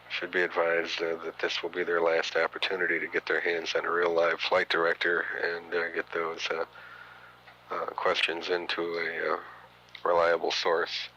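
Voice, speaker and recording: A mission control announcer and public affairs commentator delivers matter-of-fact, partly improvised spaceflight status commentary on an archival radio feed. His deep, pushed and bright voice halts often with uhs and pauses. The audio is poor, with slight background noise.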